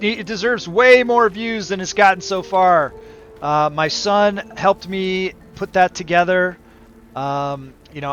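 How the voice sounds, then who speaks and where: A man's voice: a little high, a bit bright, dull audio. A middle-aged man chatting casually to viewers as he hosts a game livestream. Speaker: livestream host. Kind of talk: casual game stream chat. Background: game music.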